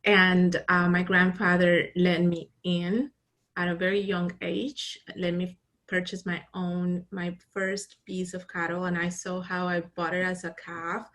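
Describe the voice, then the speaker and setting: Bright-voiced Colombian-born businesswoman. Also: fairly low pitch, measured pace. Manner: animated storyteller, laughs often, frequent restarts. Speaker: business founder, guest. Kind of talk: casual interview conversation.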